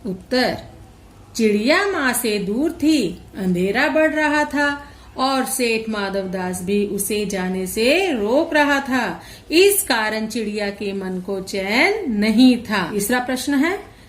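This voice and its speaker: A woman school teacher giving a recorded lesson to young children, sounding out words syllable by syllable with slow, careful speech. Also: fairly high pitch, animated. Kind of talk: online class lesson, reading aloud slowly.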